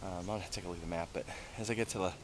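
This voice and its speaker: Man, casual vlogger, hesitant low-key delivery, background noise. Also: steady tone, rapid-fire. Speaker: running vlogger. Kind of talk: casual vlog chat, standing at home before and after a run.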